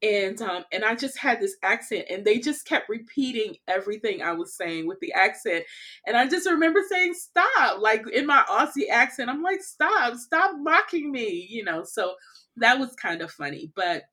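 A woman from California, a podcast interview guest, telling travel stories in casual conversation, animated and quick to laugh, with frequent "like" and "you know". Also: fairly high pitch.

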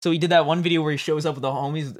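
A man hosting a podcast, talking in an animated, profane, casual way and laughing often. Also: fairly high pitch, rapid-fire, dry recording, studio quality. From Canada. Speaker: podcast host. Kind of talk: casual chat.

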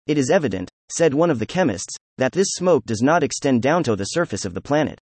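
A man narrates a story at a middle pitch, reading in an even, unhurried way. The sound is close and dry, with no room around the voice. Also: slightly rough, dry recording. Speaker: audiobook narrator. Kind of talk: scripted narration.

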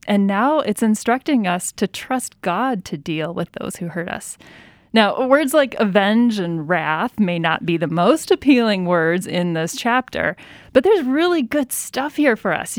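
A woman's voice: medium pitch, no room sound, clean studio sound. A woman hosting a conversational Bible study podcast and teaching as she goes.

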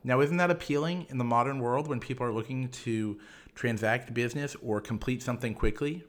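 A man hosting a solo explanatory podcast, talking in a measured, instructive way. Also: mid-range voice. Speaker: podcast host.

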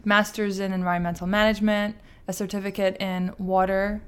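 A woman's voice: mid-range voice, little pitch movement, fairly quick, smooth. A woman from Azerbaijan, speaking as a guest in a conversational interview. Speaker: interview guest, startup founder.

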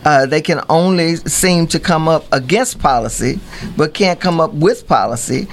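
A man giving political commentary as a radio co-host, deliberate and repeating phrases for emphasis. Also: a little high, lively intonation, slight background noise.

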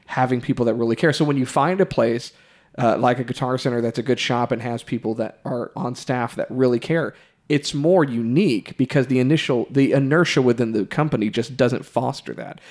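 A man hosting a casual podcast conversation, speaking in a thoughtful, measured way. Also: mid-range voice, darkish tone. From Texas. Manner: thoughtful, measured, occasional laughs. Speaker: podcast host, music store employee.

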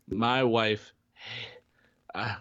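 A man co-hosting a podcast, chatting casually and rambling through restarts and fillers. His voice sits fairly low. The recording is dull and lo-fi. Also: fairly even intonation, drawn-out words, a bit bright, dry recording. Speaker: podcast co-host. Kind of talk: casual chat. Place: home in Florida.

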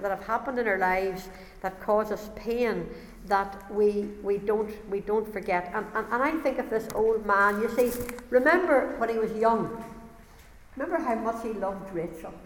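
A woman's voice: mid-range voice, a little hiss or hum. A woman preaching a sermon to a congregation in an earnest way, often repeating words as she builds a point. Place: church or hall, before a congregation. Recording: echoey hall with long reverb.

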